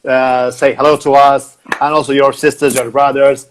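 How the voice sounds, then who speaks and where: A man hosting a live online interview, speaking in halting English and repeating words while he searches for them. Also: mid-range voice, level tone, slight background noise, low-quality recording. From Turkey. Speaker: interview host. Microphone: video call.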